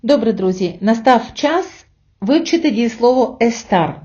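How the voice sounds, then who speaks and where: A woman giving a spoken language lesson, often calling her listeners friends and saying example words slowly and carefully. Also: fairly high pitch, lively intonation, darkish tone, lo-fi sound. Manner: addresses listeners as friends, with hesitation fillers. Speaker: Spanish language teacher.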